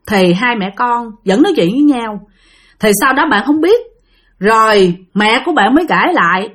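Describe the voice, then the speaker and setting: Lively woman telling a ghost story. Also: high-pitched. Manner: addresses listeners directly, lively and animated. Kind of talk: spoken ghost story retelling.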